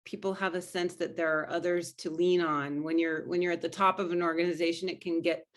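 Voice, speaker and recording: A woman's voice: lowish voice, steady tone, a little fast. A woman guest in an interview, speaking earnestly and thoughtfully as a spiritual coach, often restarting her sentences. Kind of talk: conversational interview answers.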